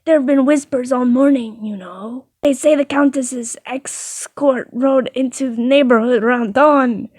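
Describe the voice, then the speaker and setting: A woman's voice: high-pitched, a little slow, hardly any pauses, a little mellow, dry recording. A woman voicing a chatty, nosy male baker in a story reading, friendly but prying.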